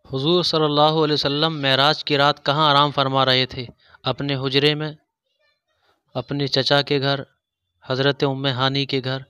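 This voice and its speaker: A man reading religious quiz questions, pausing over each option before he gives the answer. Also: medium pitch, flat delivery, sharp tone, smooth, no room sound. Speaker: quiz host. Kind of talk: scripted quiz narration.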